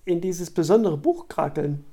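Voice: mid-range voice, animated, moderate pace, mellow. A reader voicing a nervous young girl who doubts herself, in a storybook reading. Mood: anxious.

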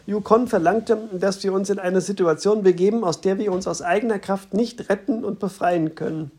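A narrator voicing a calm, patient man who explains things steadily, in an audiobook reading. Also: mid-range voice, normal speed, breathy edge, natural voice. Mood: grave.

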